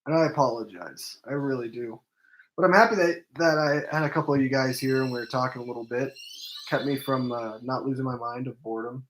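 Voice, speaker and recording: A man's voice: medium pitch, brisk, a little hiss or hum. A man hosting a casual game stream for his movie channel, rambling with lots of ums and restarts and sounding tired. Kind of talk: casual gaming stream chat.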